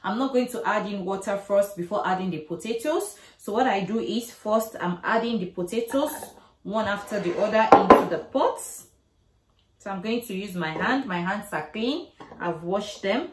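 A woman's voice: mid-range voice, moderate pace. Brief: middle-aged woman, chatty home-cooking vlog narration, roomy kitchen sound with light background hiss. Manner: chatty step-by-step explaining. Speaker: cooking vlogger. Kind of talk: casual cooking demonstration. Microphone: camera across the kitchen. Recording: echoey kitchen, faint noise.

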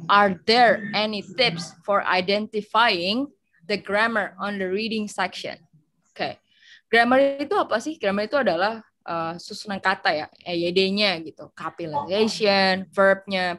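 A woman's voice: mid-range voice, fairly bright tone. A young woman tutoring English in a casual online session, switching between two languages and explaining with everyday examples over a video call. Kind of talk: online training session, mixing Indonesian and English.

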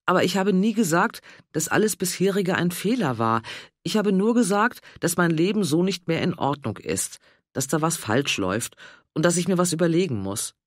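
A man voicing a mild, hesitant woman in her sixties in an audiobook, soft-spoken and a little apologetic. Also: fairly low pitch, expressive, normal speed, dry recording, studio quality. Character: mild, hesitant older married woman, easily embarrassed. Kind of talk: audiobook character voice.

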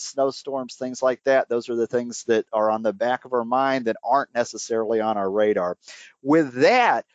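A man's voice: medium pitch, no room sound. A man hosts a radio finance show from his bedroom, chatty and easygoing, with plenty of uhs and small laughs. His voice sits in a middle register. The sound is dry and a little muffled. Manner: relaxed, chatty, frequent fillers and small laughs. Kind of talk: casual radio interview. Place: home bedroom. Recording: slightly dull, dry home recording.

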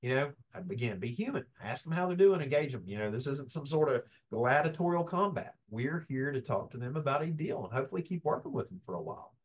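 A man's voice: medium pitch, fast talker, few pauses, husky. Folksy man teaching a workshop. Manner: folksy, animated, acts out quoted dialogue. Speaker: business workshop presenter. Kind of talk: lively workshop lecture.

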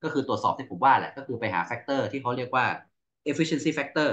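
A man's voice: mid-range voice, moderate pace, fairly bright tone. A man working as an engineering expert, answering questions in a technical Q&A with lots of fillers and restarts. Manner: explains at length, with many fillers and restarts. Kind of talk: technical Q&A explanation.

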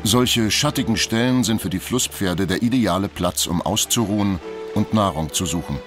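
A man reading scripted nature documentary narration in a measured, factual storytelling manner. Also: on the low side, over music.

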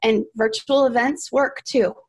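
Woman, upbeat chatty guest on a video call, slightly high voice. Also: steady tone, a little slow, husky. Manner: chatty, enthusiastic, many "like" and "right?". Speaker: guest podcaster. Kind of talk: casual video-call discussion.

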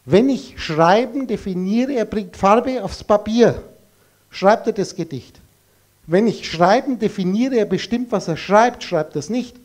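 A man's voice: high voice, lively intonation, unhurried, a little mellow. A man giving a live lecture to an audience in a blunt, emphatic way, full of rhetorical questions.

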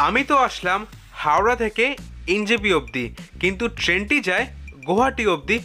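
A man reading scripted voice-over narration in an even, measured way. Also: high voice, faint music behind. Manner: even, measured, reads facts and figures.

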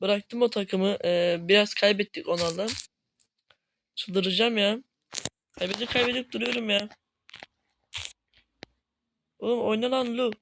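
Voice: medium pitch, fairly even intonation, normal speed, vocal fry, noisy background. Frustrated gaming commentator, grumbling at teammates. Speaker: gaming channel host. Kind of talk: gameplay commentary. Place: at home.

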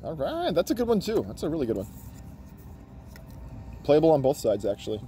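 A man casually commenting on opened cards, enthusiastic and quick with asides. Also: fairly high pitch, wildly swooping pitch, warm tone, a little hiss or hum. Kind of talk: casual card-opening chat.

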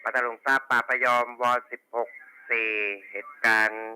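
A man's voice: medium pitch, little pitch movement, moderate pace, pushed and bright, smooth, rough recording. A man working as a police radio dispatcher, reading back station reports and call signs in formulaic procedure over a walkie talkie. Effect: two-way radio.

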